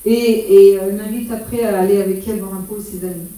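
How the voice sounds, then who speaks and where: A woman's voice: medium pitch, fairly even intonation, fast, warm tone. A middle-aged woman giving an informal, hesitant slideshow talk, with many fillers and restarts. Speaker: speaker giving a travel talk. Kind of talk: informal slideshow talk about a solo walking pilgrimage. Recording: very echoey room, voice far from mic.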